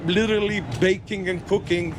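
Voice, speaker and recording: Casting: male travel vlogger, high voice, casual short repeated phrases, loud rail noise behind. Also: fairly even intonation, moderate pace. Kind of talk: casual on-the-go vlog commentary. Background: train rumble and ambience.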